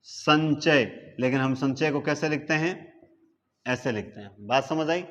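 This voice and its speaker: A man's voice: medium pitch, normal speed. A man teaching a live online grammar class. He stretches words out syllable by syllable and keeps asking the class whether they follow. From India. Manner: stretches out words syllable by syllable while explaining at a board; asks the class rhetorical questions to check understanding.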